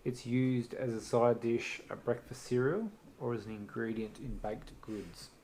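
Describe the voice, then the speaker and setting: A man with an Australian accent, chatting casually as a homestead vlogger, relaxed and laughing at himself. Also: mid-range voice, unhurried, slight background noise. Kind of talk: casual chat.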